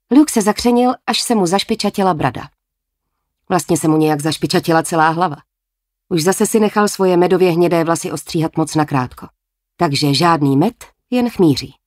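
A woman's voice: lowish voice, darkish tone, dry recording, studio quality. A woman narrating a novel as an audiobook, with a wry, lightly ironic tone.

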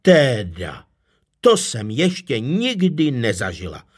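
A man's voice: mid-range voice, huge pitch swings, husky. A man reading a children's storybook, voicing a friendly female swallow in a slightly raised, kindly voice. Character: friendly female swallow who carries the elves.

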